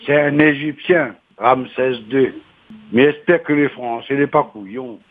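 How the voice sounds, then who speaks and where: A man's voice: medium pitch, unhurried. A man leaving a voicemail message, rambling and stumbling over words as he restarts them. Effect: voicemail message over a phone line. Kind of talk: rambling phoned-in rant. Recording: tinny phone line.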